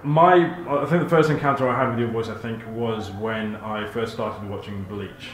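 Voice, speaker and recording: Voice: mid-range voice, steady tone, normal speed, slight background noise. An interviewer asking casual questions, friendly and given to stumbling restarts. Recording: roomy echo with faint music.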